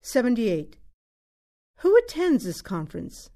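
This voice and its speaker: A woman's voice: on the high side, wildly swooping pitch, unhurried, dark tone. A woman narrating exam questions from a script in a formal, carefully enunciated manner. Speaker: test narrator.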